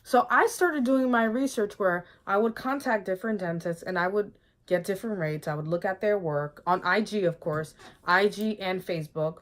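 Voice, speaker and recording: A woman vlogging in a casual, chatty way, emphatic and quick to laugh, who often checks in with "okay?". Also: medium pitch. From United States. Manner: laughs often, bursts of excitement. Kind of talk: casual chat to camera.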